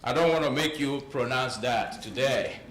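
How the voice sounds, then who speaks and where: Nigerian guy telling a story at a retreat, bright voice, lots of room echo. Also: mid-range voice, moderate pace. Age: young adult. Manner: animated, laughs while telling. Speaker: speaker at a retreat. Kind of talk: storytelling talk. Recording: echoey room.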